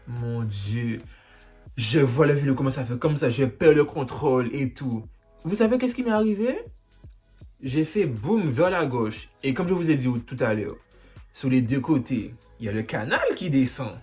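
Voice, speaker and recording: A man vlogger telling a story, animated and dramatic with sound effects. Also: mid-range voice, moderate pace, faint music behind. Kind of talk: storytime vlog.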